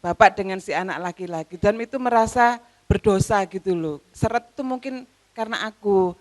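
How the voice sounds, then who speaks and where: A woman with a Javanese accent politely asking a question, pausing and restarting as she talks. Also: medium pitch, darkish tone. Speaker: audience member asking a question.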